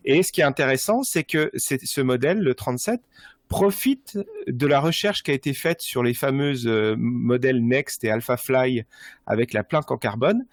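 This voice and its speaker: A man's voice: mid-range voice, animated, normal speed, no room sound, studio quality. Hesitant man explaining running gear. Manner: explanatory, many hesitations and restarts. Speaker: running gear expert guest. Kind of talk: casual podcast conversation.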